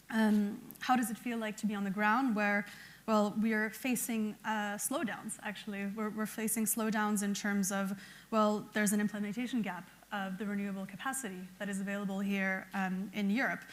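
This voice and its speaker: An earnest woman speaking on a conference panel for an electrolyzer maker. She talks at a middle pitch and keeps checking in with "right?". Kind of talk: panel discussion.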